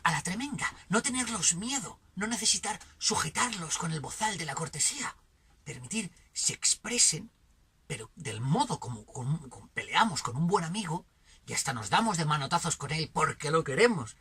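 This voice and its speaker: A man with a Spanish accent from Spain, delivering a philosophical monologue that swings from emphatic bursts to hushed near-whispers. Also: on the high side, slight background noise. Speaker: channel host.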